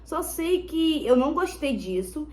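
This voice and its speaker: On a phone-recorded casual vlog, a girl does her makeup while telling a rambling story, repeating herself and calling out to her viewers again and again. Her voice is high-pitched with big pitch swings, a darkish tone and a slightly slow delivery.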